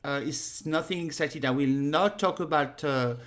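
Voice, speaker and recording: A French woman in her thirties gives a casual harmonica lesson to a webcam in a small room at home. She talks in a low voice, unhurried and direct, pausing often and using many fillers.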